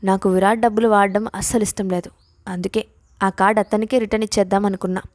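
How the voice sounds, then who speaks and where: A woman voicing a gentle, troubled young college girl in an audio story, answering in soft, worried replies. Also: mid-range voice, flat delivery, quick pace, no echo, studio quality, close to an everyday voice.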